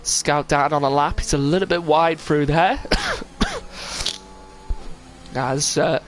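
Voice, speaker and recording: Faint music plays behind a young man whose voice is a little high and slow. Full of a cold and sniffly, he offers rambling, casual live stream commentary on sim racing, heavy with fillers.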